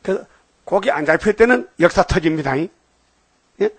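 A man preaching a sermon, telling stories in an animated way and calling out to his listeners for replies. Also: high-pitched, measured pace, husky, dry recording. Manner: animated storytelling, calls out for replies.

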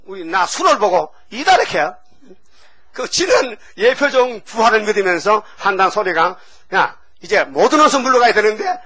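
A man preaching, his voice pitched high and ringing bright. He is animated and jokey, breaks into hymn lines now and then, and calls on his listeners to repeat after him. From Gyeongsang region of Korea. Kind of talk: folksy sermon.

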